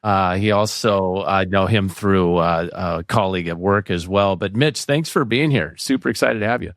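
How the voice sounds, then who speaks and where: A man's voice: low voice, moderate pace, no echo, studio quality. A man co-hosting a podcast in casual chat, joking and laughing often. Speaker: podcast co-host.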